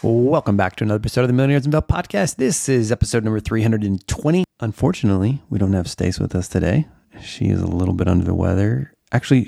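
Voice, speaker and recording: A man hosting a podcast, talking casually through the intro with relaxed fillers. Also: low-pitched, gravelly, no room sound, clean studio sound. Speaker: podcast host.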